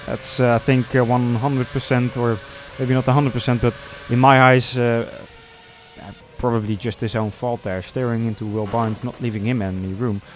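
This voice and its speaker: A male motorsport commentator calls sim racing live over background music and engine sounds. His delivery is conversational, with hesitant analysis that can lift into excited play-by-play. His pitch is middling for a man. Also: moderate pace.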